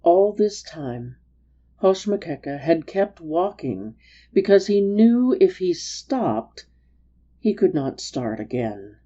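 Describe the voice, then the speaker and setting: A woman gives a dramatic reading of a story in a low, soft-edged voice, lingering over each phrase at a slow pace. Her pitch swings widely, and the recording has a somewhat dull sound.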